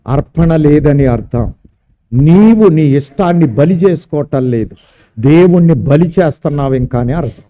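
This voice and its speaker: A man's voice: fairly high pitch, dark tone. A man preaching a sermon at a church service, emphatic and drawing out key words. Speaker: pastor.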